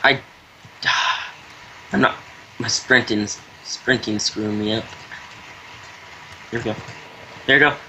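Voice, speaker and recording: A man's voice: on the low side, steady tone, takes it slowly, long pauses, pushed and bright, slight background noise, low-quality recording. A young man playing a game with a friend, joking around and bossing the moves. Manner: joking, bossy with directions. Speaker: co-player. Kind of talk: casual let's-play chat.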